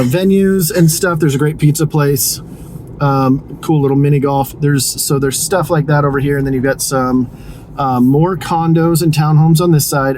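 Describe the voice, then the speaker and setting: A man casually narrating a driving tour as a real estate guide, chatty and self-deprecating, with joking asides. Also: medium pitch. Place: inside a moving car. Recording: car road noise behind.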